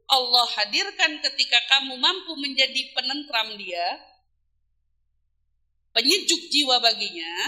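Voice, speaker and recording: Her voice is high, bright and pushed as this woman preacher talks informally about Islam to an audience of women. She answers her own rhetorical questions and lengthens individual words to stress them.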